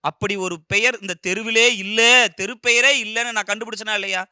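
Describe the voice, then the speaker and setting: Casting: man voicing a stern, scolding husband, high and bright, crisp and dry. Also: steady tone, a little fast, no echo. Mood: lecturing. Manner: scolding, insistent. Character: stern middle-aged husband, suspicious and lecturing.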